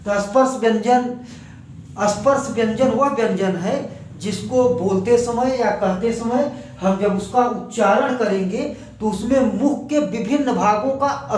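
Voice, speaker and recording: A man teaching a slow, patient grammar lesson for exam preparation, repeating examples one by one. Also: extremely high pitch. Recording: echoey room, mic at a distance.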